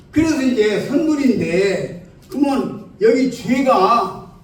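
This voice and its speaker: A man's voice: very high-pitched, darkish tone. A man preaching an evangelistic sermon in a plain-spoken way, often putting questions to his listeners. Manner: plain-spoken, keeps asking the audience questions. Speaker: lay preacher. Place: church hall. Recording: very echoey hall, distant mic, faint noise.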